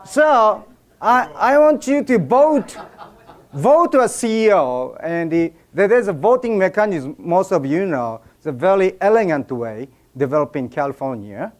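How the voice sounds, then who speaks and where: A man's voice: fairly high pitch, very animated, moderate pace, darkish tone. A man with a Japanese accent, a native Japanese speaker, giving a joking seminar talk and directing a live audience.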